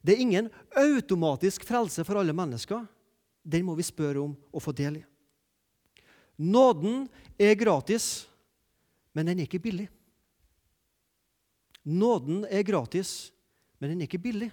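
A man preaching a sermon, emphatic, repeating key phrases and swinging between loud declarations and quiet asides. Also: high voice, animated, pauses often. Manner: emphatic, repeats key phrases, rises and drops sharply in loudness.

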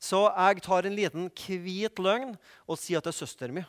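A man preaching a sermon, telling the stories in a lively way with asides and questions to the listeners. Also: high-pitched, in a large hall.

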